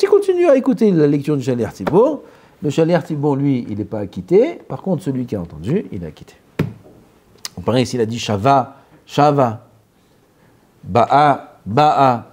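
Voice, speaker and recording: A man giving a lively religious lesson, asking the class questions and drilling how words are pronounced. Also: medium pitch. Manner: animated, asks questions and drills pronunciation. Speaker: rabbi teaching.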